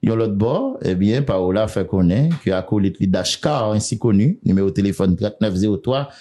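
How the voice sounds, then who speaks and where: A man hosts a gossip news segment, chatting loosely and laughing between the details he reads out. His voice sits low, with a dark, mellow tone. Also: animated, moderate pace. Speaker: news show host.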